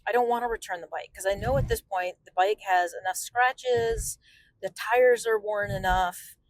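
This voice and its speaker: A woman's voice: medium pitch, moderate pace, rough recording. A woman vlogger on a casual, exasperated rant, griping with some sarcasm about a complaint.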